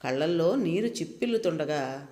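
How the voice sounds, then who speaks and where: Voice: medium pitch, animated, normal speed, warm tone. Storyteller reading in a roomy echo. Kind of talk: scripted story narration. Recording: roomy with long reverb.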